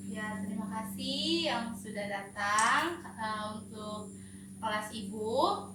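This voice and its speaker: A woman teaching a grammar lesson to pupils, speaking with many hesitant filler pauses. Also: a little high. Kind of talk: classroom lesson. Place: home study room. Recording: echoey room from far off, noisy.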